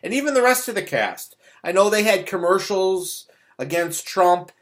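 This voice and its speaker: Speaking at a normal pace in a high, expressive and slightly bright voice, a middle-aged movie review host rants casually about a film, sounding blunt, contemptuous and fed up.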